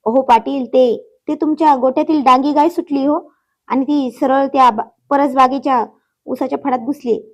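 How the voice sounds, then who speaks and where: A woman's voice: high-pitched, fairly even intonation, normal speed, lightly acted. A woman voicing a nosy, gossiping older village man who talks breathlessly and pries. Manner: breathless, prying.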